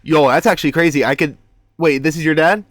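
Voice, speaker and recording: A young man reacting live on stream, casual and excitable, swearing and calling everyone bro. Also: fairly high pitch, quick pace, no room sound.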